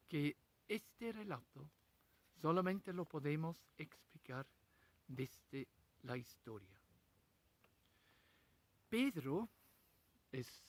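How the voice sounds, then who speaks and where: A man preaching a sermon as a pastor, retelling a story in short, measured phrases with rhetorical questions. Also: medium pitch. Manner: speaks in short, measured phrases with frequent pauses.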